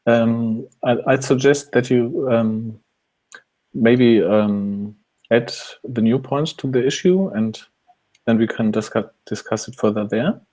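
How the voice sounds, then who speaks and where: A man taking part in an online meeting, speaking hesitantly and politely with many pauses. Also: medium pitch, mellow, poor audio. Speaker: meeting participant. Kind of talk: casual meeting talk.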